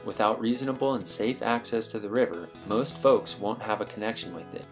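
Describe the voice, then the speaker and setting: A man's voice: on the low side, fairly quick. A man reading scripted promotional documentary narration as the narrator. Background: music with plucked guitar.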